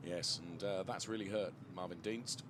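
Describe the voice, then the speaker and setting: A man giving live motorsport commentary as a co-commentator, offering measured, slightly hesitant analysis. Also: sits low, fairly even intonation. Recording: loud engine and outdoor track noise. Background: racing cars and trackside ambience.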